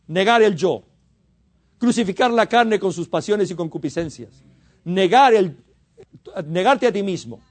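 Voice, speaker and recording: Fervent Mexican man preaching a sermon. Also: high voice. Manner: fervent, rises to emphatic exhortation then drops to quiet asides; repeats and restarts words for emphasis.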